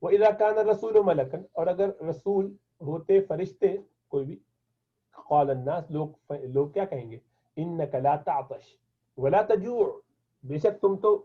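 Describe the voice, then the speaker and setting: Husky-voiced man teaching over tinny audio. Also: on the high side, lively intonation. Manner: reads an Arabic phrase slowly, then translates and explains it. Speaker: Arabic teacher. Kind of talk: classroom lesson explaining Arabic in Urdu. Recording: tinny phone-like lo-fi sound.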